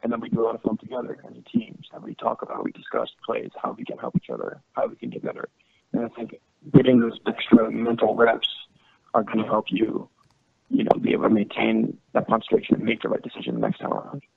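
A young adult man from France and California, a professional soccer goalkeeper, answers interview questions in a thoughtful, easygoing, casual way. He talks fast in a lowish, husky voice with vocal fry. The audio is narrow and tinny, with no echo.

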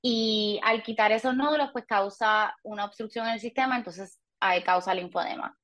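A woman's voice: medium pitch, normal speed, a bit bright. A woman in her thirties with a Puerto Rican Spanish accent, talking candidly as a podcast guest with light self-mocking humor. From Puerto Rico. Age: 30s. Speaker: guest, patient. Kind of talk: casual podcast interview.

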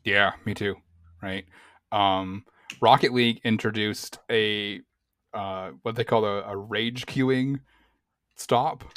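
A man's voice: on the low side, fairly even intonation, slow, fairly bright tone. A man co-hosting a podcast, easygoing, reading posts aloud and chatting with plenty of ums. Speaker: podcast co-host. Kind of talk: casual chat.

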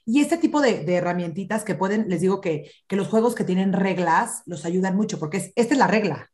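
A parenting expert explains child development in an animated podcast chat, acting out children's lines as she goes. She speaks a little fast in a mid-range voice.

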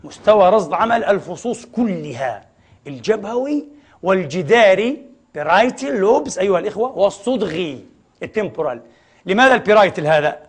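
Fast, high-pitched husky preacher. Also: male voice, lively intonation. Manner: fills pauses with rhetorical "what?" questions to the congregation; often addresses the audience as brothers. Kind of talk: Friday sermon lecture. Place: mosque prayer hall.

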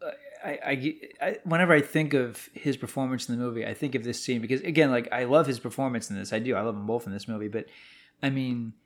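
Chatty man talking films. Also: fast talker. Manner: animated, jokey, mimics lines in high voice. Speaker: film podcast co-host. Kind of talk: casual chat.

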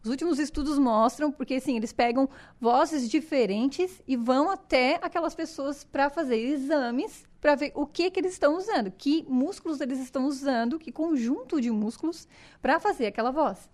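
A woman's voice: sits high, moderate pace, darkish tone. A woman, a singing teacher explaining voice technique enthusiastically in casual chat. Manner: enthusiastic, explanatory, demonstrates voices while talking.

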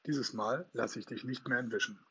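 A husky man voicing a boastful, playful boy in a storybook reading, talking in a lively, triumphant way, on a dull lo-fi recording. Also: medium pitch, moderate pace, lightly acted. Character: boastful playful boy who never grows up.

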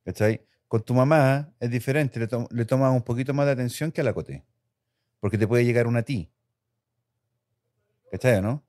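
A man's voice: mid-range voice, normal speed, pauses often, mellow. A middle-aged Chilean man, a father, explaining things with casual slang in a family chat. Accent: Chilean Spanish. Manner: explaining, colloquial.

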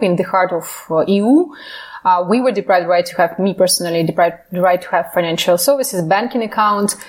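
A woman from Ukraine, a human rights advocate answering interview questions earnestly in phrasing with frequent fillers. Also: mid-range voice.

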